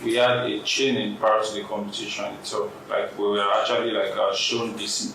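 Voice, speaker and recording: A young Nigerian man with a low, even-toned voice explains things informally in an interview. He sounds distant in a heavily echoing room. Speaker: interview guest, trading competition participant. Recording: very echoey, distant mic, faint noise.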